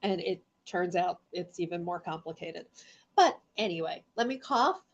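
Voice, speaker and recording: A woman's voice: lowish voice, lively intonation, moderate pace, lo-fi sound. A middle-aged woman hosting a live online gem show, chatting casually and rambling while congested and coughing from allergies. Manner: rambling, chatty, greets viewers by name. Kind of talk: casual live-stream chat.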